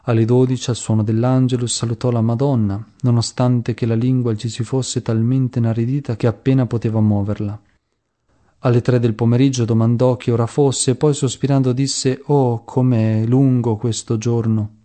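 A man reading the life of a saint aloud in a slow, measured and reverent way. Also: medium pitch, flat delivery, dark tone. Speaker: devotional reader.

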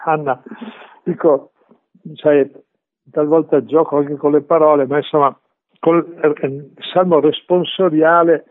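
A man gives a meditation on the radio, his voice a little high for a man. He talks in a chatty, animated way and keeps asking rhetorical questions. The sound is thin and phone-like. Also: a little slow. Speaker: priest leading a radio meditation.

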